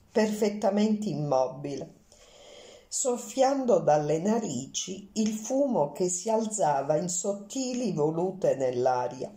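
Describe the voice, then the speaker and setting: A woman reading an audiobook aloud in a calm, measured way. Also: on the low side, roomy sound. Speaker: audiobook reader. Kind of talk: audiobook narration.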